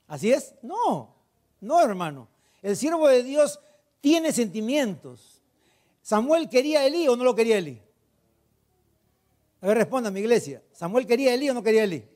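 A pastor preaching a sermon, retelling scripture and putting questions to his congregation, then answering them himself. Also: high voice. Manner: retells scripture with emphatic, animated delivery.

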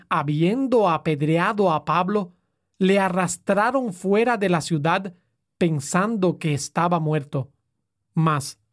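A woman reads scripture aloud at a very slow, deliberate pace. Her voice sits somewhat low, and the reading is solemn and measured. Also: darkish tone. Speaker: scripture reader.

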